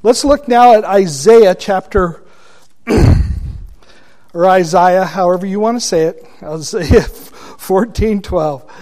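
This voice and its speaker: A man teaching a Bible study class, deliberate and asking his listeners questions. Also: high voice, a little mellow.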